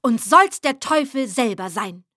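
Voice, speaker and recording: An embittered, excitable poet, acted by a woman reciting verse, declaiming loudly with a raised, higher voice. The delivery is heated and theatrical, and the recording is dry and close. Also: a little slow, dry recording. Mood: furious ranting. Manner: loud, declamatory and agitated.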